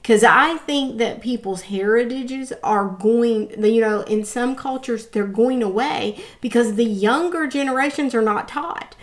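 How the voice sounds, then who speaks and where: A woman's voice: on the high side, measured pace, hardly any pauses. A woman co-hosting a music reaction show, talking earnestly and casually, often murmuring agreement. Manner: earnest, with frequent affirming murmurs. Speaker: co-host of a music reaction channel.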